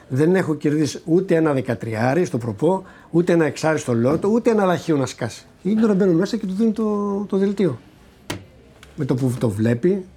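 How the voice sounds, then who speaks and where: Speaking to an interviewer, an elderly man recounts the day he won the lottery, voicing the conversations himself and stumbling on repeated words when he gets moved. His voice is on the high side, dark in tone, with a breathy edge.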